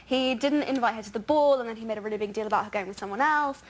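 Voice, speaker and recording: A woman's voice: fairly high pitch, very fast, a little hiss or hum. A woman with an English accent, chatting and giggling as a guest in a talk show interview. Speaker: guest actress.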